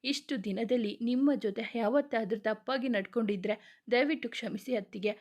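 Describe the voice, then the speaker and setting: A woman's voice: fairly high pitch, normal speed, a little mellow, close to an everyday voice. A woman reading a tearful apologetic young man. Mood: pleading, remorseful. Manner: pleading, apologetic.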